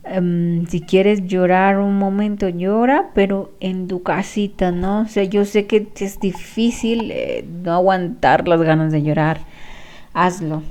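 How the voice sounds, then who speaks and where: Slow-talking woman giving heartfelt advice. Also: fairly low pitch, expressive. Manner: repeats phrases for emphasis, warm coaching tone. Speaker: spiritual healing therapist. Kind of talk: casual advice talk to viewers.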